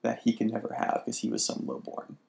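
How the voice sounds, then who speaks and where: A woman co-hosting a casual chat, animated and opinionated, quick to disagree. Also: rumbling low, gravelly. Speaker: podcast co-host.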